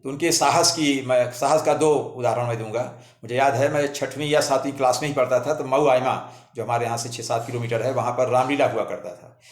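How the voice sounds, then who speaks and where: A man's voice: mid-range voice, steady tone, brisk. Guy in his 70s telling family stories to his viewers, calls them friends, voice bounces around the room. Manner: homely, addresses listeners as friends. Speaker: memoir storyteller. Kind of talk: autobiographical storytelling to viewers. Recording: roomy echo.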